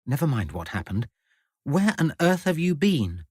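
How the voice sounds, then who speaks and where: A man reading aloud voices a weary, strained young gentlewoman who speaks in a restrained, clipped way. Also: fairly high pitch, very animated, normal speed, husky, no echo, clean studio sound, voice pushed up. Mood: urgent. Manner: restrained, clipped, quietly determined.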